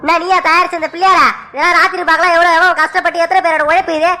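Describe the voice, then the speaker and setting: A woman's voice: very high voice, steady tone, pushed and bright, slight background noise. A woman voicing a young male clay idol seller in a cartoon who is impatient and haggles hard over prices. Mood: firm. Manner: impatient, haggling, rushes customers. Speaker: shopkeeper. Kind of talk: cartoon voice acting.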